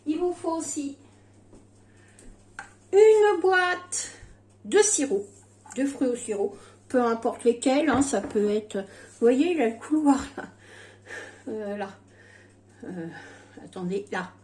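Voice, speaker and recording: A woman's voice: sits high, animated, slow, long pauses, darkish tone, reverberant. A woman with slurred, toothless articulation from missing dentures, chatting casually and hesitantly through a home cooking demonstration, often breaking off mid-sentence. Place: at home in a kitchen.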